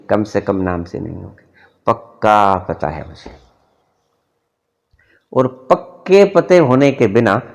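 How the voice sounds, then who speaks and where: A middle-aged man giving a spiritual discourse, deliberate and emphatic, his voice rising and dropping sharply to make a point. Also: mid-range voice, vocal fry, darkish tone. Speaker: spiritual teacher.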